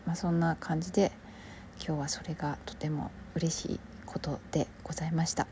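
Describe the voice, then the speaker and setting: A woman with a Kansai accent, an actor chatting alone on her own show, relaxed and rambling, often sinking to a soft near-whisper. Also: low voice, brisk, slight background noise. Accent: Kansai Japanese. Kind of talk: casual solo podcast chat.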